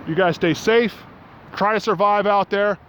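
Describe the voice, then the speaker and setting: A man's voice: high-pitched, normal speed, a bit bright, slight background noise. A man ranting in a casual vlog, getting worked up and angry, recorded outdoors at night by some restaurants. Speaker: vlogger.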